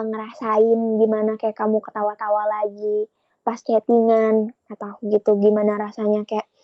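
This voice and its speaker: A young woman with a mid-range voice chats with a podcast host about her relationship, recounting both sides of conversations through quoted dialogue. The recording sounds muffled but has no echo.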